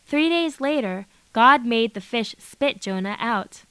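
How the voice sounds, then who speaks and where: A woman narrating a children's Bible story in a simple, even storybook manner. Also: fairly high pitch, a little slow, clean tone, dry recording.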